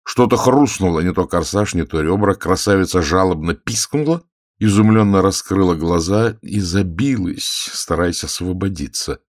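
A man reading an audiobook in a measured, even manner. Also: low voice, dry recording, studio quality. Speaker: audiobook reader. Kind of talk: audiobook narration.

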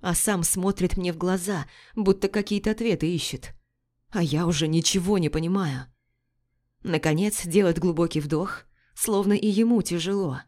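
A woman's voice: fairly low pitch, warm tone. A woman reading a dramatic novel aloud in the first person, with an intense, emotional delivery. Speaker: audiobook narrator.

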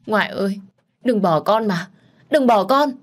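A woman's voice: fairly low pitch, measured pace, close to an everyday voice. A woman voicing a frightened young wife who cries and pleads in a nightmare. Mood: sobbing, pleading.

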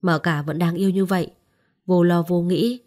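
A deferential young household maid from an audio story, polite and cheerful in her replies, as a woman narrator reads her. The voice stays low and gentle. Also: fairly even intonation, moderate pace, close to an everyday voice.

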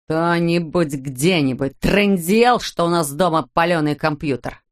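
A woman reading an audiobook voices a furious, brutal middle-aged father who growls slowly and menacingly. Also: fairly high pitch, lightly acted. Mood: raging.

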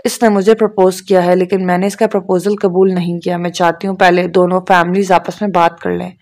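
A woman reading the lines of a serious, earnest young woman in a storybook, speaking quietly and a little defensively. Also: on the low side, little pitch movement, lightly acted. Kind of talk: audiobook dialogue reading.

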